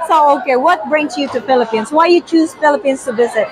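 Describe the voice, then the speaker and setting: A woman interviewing a traveler, eager and quick with short replies and questions. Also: sits high, crowd noise, noisy background. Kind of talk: casual interview.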